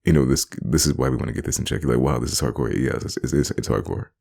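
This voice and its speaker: Very deep gravelly man, rambling. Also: fast talker, a little mellow. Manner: rambling, repetitive, laughs between phrases. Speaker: vlogger. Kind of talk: casual monologue on wellness.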